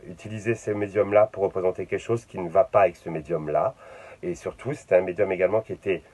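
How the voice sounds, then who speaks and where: A middle-aged man speaks in a very low, dark and mellow voice, searching for his words with many fillers and restarts. He talks unscripted about his craft, recorded in his art studio. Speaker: visual artist.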